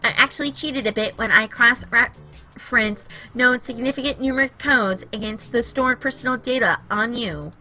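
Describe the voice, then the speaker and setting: A cute little male robot who explains everything with smug precision, as a woman puts him on. The voice sits high and very bright, with a glassy edge to it. Faint music hums underneath. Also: moderate pace, rough recording. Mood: lecturing. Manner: precise, lecturing, matter-of-fact. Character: cute, fussy, know-it-all male robot. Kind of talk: reading game dialogue aloud.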